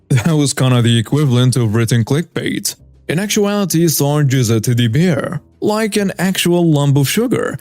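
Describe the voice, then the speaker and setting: A man narrating a reader-submitted story in a steady, matter-of-fact way. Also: fairly high pitch, dry recording.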